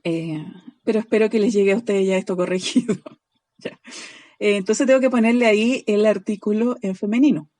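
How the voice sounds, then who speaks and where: A woman teaching a recorded online class, patiently spelling out word endings and checking in with a quick "ya?" after nearly every line. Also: medium pitch, steady tone, mellow. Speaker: Greek teacher.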